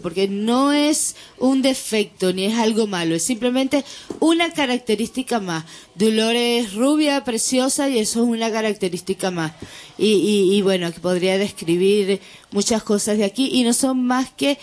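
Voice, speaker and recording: A woman's voice: on the high side, darkish tone. A woman in a casual group chat, telling a joke and laughing at it herself. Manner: laughs at her own joke, acts out the old man. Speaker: group participant.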